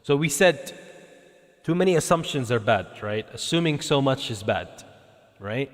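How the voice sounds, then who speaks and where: A man of middle pitch talks loosely to his stream chat while he explains scripture, rambling and correcting himself as he goes. He breaks into laughter often. His voice rings with a long reverb tail. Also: animated, moderate pace. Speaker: VTuber streamer. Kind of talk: casual livestream chat explaining Quran verses.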